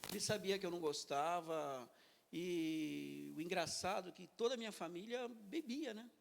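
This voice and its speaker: Gravelly fifties male guest pastor, emotional testimony, vivid and expressive. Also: high voice, moderate pace, slight background noise. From Brazil. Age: 50s. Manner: emotional, vivid storytelling with acted-out quotes. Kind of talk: personal testimony in an interview.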